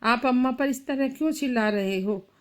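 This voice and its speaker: Woman voicing a gentle young wife. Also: high voice, normal speed, lightly acted. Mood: pleading.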